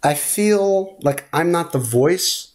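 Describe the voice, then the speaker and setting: A man's voice: a little high, expressive, slow. A man co-hosting a pop culture podcast, talking in a rambling, opinionated way. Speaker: podcast co-host. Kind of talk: casual chat.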